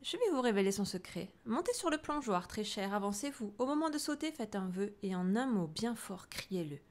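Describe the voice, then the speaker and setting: A woman's voice: mid-range voice, sing-song, normal speed, natural voice. A woman voicing a pompous, vain male lion king in a storybook, speaking like a grand announcer. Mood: showy.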